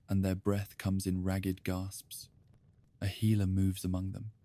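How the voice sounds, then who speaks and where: A man narrating a bedtime history story in a calm, soft-spoken, even manner, addressing the listener as "you". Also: deep voice, no echo.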